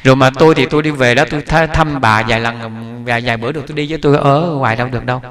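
A man's voice: medium pitch, very fast, fairly bright tone. A man giving a Buddhist sermon, telling a story in a chatty way with many restarts. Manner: conversational, repetitive restarts, chuckling asides. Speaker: Buddhist preacher.

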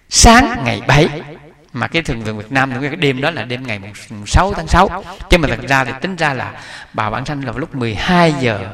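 A man's voice: mid-range voice, a bit bright. A man giving a Buddhist sermon, telling a story in a chatty way with many restarts. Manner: conversational, repetitive restarts, chuckling asides. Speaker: Buddhist preacher.

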